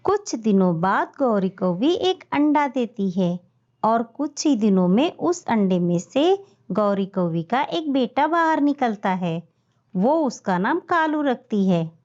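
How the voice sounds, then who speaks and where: A woman's voice: fairly high pitch, big pitch swings, slow pace, a little mellow. A woman narrating a scripted children's story as a storyteller. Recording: dull lo-fi audio.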